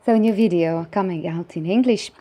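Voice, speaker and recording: A woman's voice: on the low side, normal speed, highs cut off. A middle-aged woman from Croatia with a Croatian accent talks earnestly to camera, rambling with many fillers and restarts. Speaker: vlogger. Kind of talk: casual monologue to camera.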